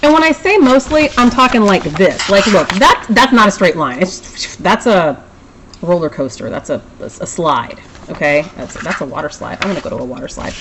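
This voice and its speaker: A woman's voice: fairly low pitch, expressive, normal speed, slight background noise, poor audio. A woman teaching a recorded math lesson, chatty, with self-deprecating asides.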